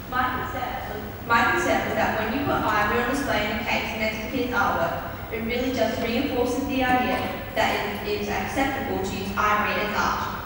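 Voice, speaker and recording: A young schoolgirl giving an earnest, prepared persuasive speech, pausing for emphasis and posing rhetorical questions. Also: fairly high pitch. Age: child or young teen, not yet in early twenties. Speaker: student speaker giving a speech. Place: large echoing room with an audience. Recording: echoey hall, far from mic, noisy.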